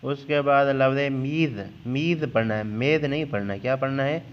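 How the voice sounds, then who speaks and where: Pakistani Urdu teacher drilling words twice. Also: male voice, mid-range voice, steady tone, highs cut off, a little hiss or hum. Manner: repeats each word twice, slow and drilling. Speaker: language teacher. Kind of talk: vocabulary lesson.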